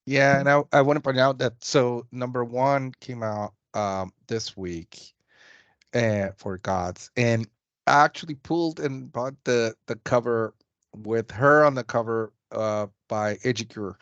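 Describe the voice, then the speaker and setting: A man's voice: mid-range voice, unhurried, a bit bright, clean tone, dry recording. A man co-hosts a casual video chat. He rambles eagerly and often restarts his sentences. The sound is muffled and dry. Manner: enthusiastic, rambling, frequent restarts. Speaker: co-host, comics sales.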